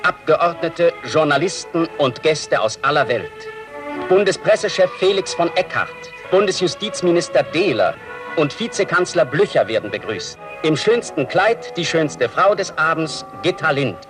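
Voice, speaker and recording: A man's voice: on the high side, big pitch swings, moderate pace. A man narrating an old newsreel in a formal, declaiming announcer manner, from an old newsreel recording. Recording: distant voice over loud music, old newsreel. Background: music.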